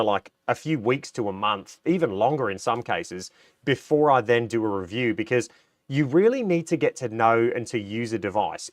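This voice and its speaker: A middle-aged Australian man hosts a relaxed livestream, sounding a little nasal as he gets over a cold. He talks chattily, trailing off and restarting as he greets viewers by name. His voice is mid-pitched and recorded dry and close. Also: no echo. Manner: chatty, reads out viewer comments, frequent ums and restarts. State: recovering from a cold, a bit nasal. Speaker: livestream host. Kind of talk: casual livestream chat.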